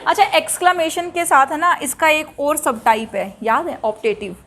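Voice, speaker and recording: High-voiced woman teacher lecturing a class. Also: expressive, moderate pace, some chatter behind. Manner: quizzes students and calls for quiet; mixes Hindi explanation with English example sentences.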